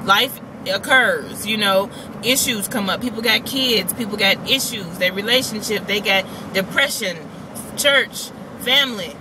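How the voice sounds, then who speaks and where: A woman's voice: mid-range voice, measured pace. Woman, 30s, car vlogger, casual and emphatic rant, phone mic on the dash, noisy background. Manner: chatty, emphatic, talks with her hands. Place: parked car, daytime. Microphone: phone camera on the dashboard. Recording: phone audio in a car with noticeable background noise.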